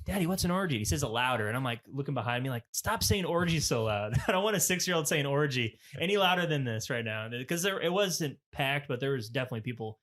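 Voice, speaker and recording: A man in his thirties, a podcast co-host, telling a lively story in casual chat, acting out the lines he quotes and swearing freely. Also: mid-range voice, quick pace, few pauses.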